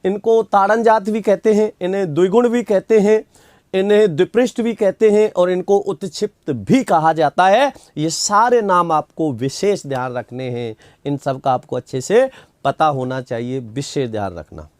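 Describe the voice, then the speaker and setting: A man teaches an online grammar class, posing questions and answering them himself, repeating key terms, and reading out and replying to viewer comments. His voice is high and a little mellow, at a moderate pace, with clean, echo-free studio sound.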